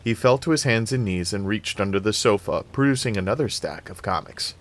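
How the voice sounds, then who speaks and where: A man reading a novel aloud in a lively, expressive way. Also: fairly low pitch, a little fast. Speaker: reader.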